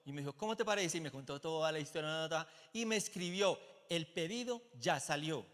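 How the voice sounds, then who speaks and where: A middle-aged Colombian man preaching a sermon in a church auditorium, telling stories in an animated way and acting out the dialogue. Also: on the high side, a little fast. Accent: Colombian Spanish. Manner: animated storytelling, acts out quoted dialogue. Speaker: pastor. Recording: long hall reverb.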